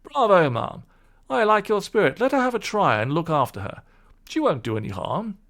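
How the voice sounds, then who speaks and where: A man doing a kindly genteel gentleman. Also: high-pitched, sing-song, normal speed, pitched above the performer's own voice, heavily acted. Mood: hearty. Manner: polite, solicitous. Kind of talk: storybook audiobook acting.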